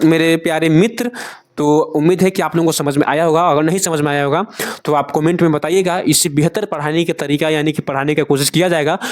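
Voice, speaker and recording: A male teacher gives a casual lesson, asking questions and repeating each answer, tripping now and then over foreign names. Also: sits high. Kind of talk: casual classroom-style lesson.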